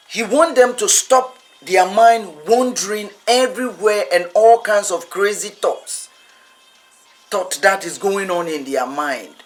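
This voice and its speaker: A man preaching a teaching sermon, speaking emphatically and repeating phrases for effect. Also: high-pitched.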